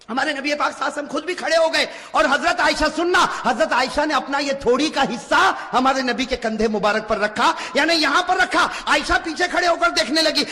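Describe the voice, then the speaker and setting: A man preaching a religious sermon, emphatic, dropping to low asides and rising to shouts, calling on the audience to repeat after him. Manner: addresses audience directly, asks them to repeat. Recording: reverberant hall.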